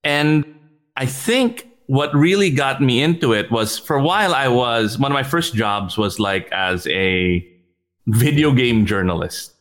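A man guesting on a podcast as a startup executive, speaking at a mid pitch. He talks quickly, laughs often, trips over repeated words and mixes into his English. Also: expressive, a bit bright. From Philippines. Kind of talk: casual interview chat.

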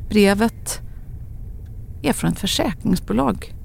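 Husky, gravelly woman telling a grave story. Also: mid-range voice, expressive. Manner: quiet, halting and grave. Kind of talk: scripted personal narration.

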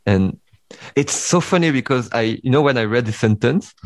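A man's voice: mid-range voice, expressive, moderate pace, no echo. A man with a Vietnamese accent hosting a casual interview, talking with many fillers and restarts. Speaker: podcast host interviewer.

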